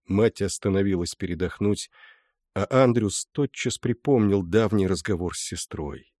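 A man narrating an audiobook in a calm, measured way. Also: sits low, no echo, studio quality.

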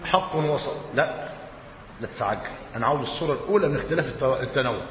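A man with an Egyptian accent teaching a religious lesson, slowly dictating and repeating each phrase and quizzing his students. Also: medium pitch. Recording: dull roomy hall recording, faint hiss.

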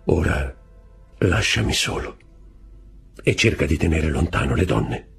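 A man's voice: extremely low pitch, expressive, measured pace, vocal fry, slightly rough, soft background music, full character voice. A man voicing a solemn older father. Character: older male shipowner, a grave solemn father.

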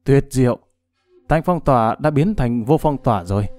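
A man's voice: medium pitch, animated, normal speed, a little mellow, no room sound, faint music behind, natural voice. Give me a playful, teasing male fighter from a martial-arts storybook, voiced by a male reader. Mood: amused.

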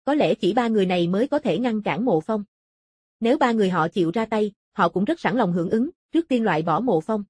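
A woman narrates a martial-arts fantasy novel in a dark, mellow tone. Her voice is husky and soft at the edges, and the sound is very dry, with no room around it. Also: mid-range voice, expressive, quick pace, no room sound. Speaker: audiobook narrator.

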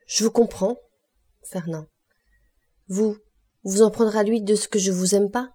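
Woman reading a devoted young lover, earnest and emphatic, mellow tone. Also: medium pitch, steady tone, unhurried, slightly rough. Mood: pleading. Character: young woman in love, steadfast, proud. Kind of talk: audiobook character reading.

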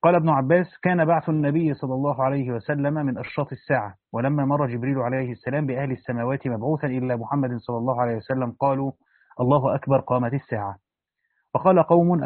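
A man's voice: mid-range voice, no room sound. A man gives a religious lesson, reading a Quran commentary aloud and adding plain spoken asides for his students. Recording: dry, thin phone-like line.

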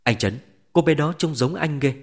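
A man voicing a cheerful, teasing young male sidekick who talks quickly and jokes in a storybook reading. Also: on the high side, voice pushed up. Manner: quick and joking.

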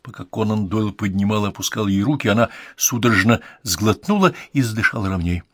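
A man's voice: fairly low pitch, fairly quick, slight background noise. A man narrating an audiobook in a dramatic reading style.

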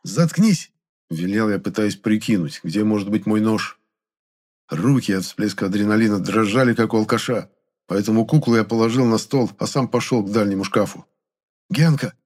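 A man reading a first-person audiobook in a steady storytelling manner. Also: on the low side, fairly quick. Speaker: audiobook narrator.

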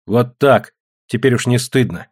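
A man's voice: mid-range voice, measured pace, breathy edge. A man voicing a frightened, distraught young peasant woman who cries out raw and emotional. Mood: tearful.

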